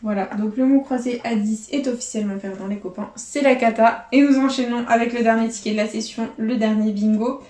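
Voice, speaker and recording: A higher-pitched woman with a warm, mellow tone chats her way through scratch-card results, talking to viewers as pals. The sound is echoey, with faint noise under her voice. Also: steady tone, brisk, hardly any pauses. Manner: chatty, addresses viewers as friends. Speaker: scratch-ticket vlogger. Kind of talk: casual running commentary.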